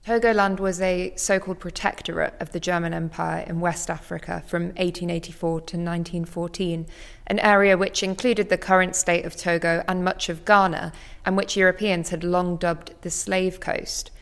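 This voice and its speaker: Articulate woman host with a lowish voice. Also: flat delivery, gravelly. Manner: measured, articulate. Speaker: podcast host and interviewer. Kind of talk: scripted narration and interview questions.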